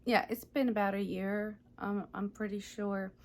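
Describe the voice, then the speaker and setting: Ukrainian-born woman, 30s, knitting vlog host; chatty, slow, self-correcting, slightly gravelly. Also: medium pitch, steady tone, a little mellow. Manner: chatty, self-correcting, often unsure of details. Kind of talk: casual show-and-tell vlog.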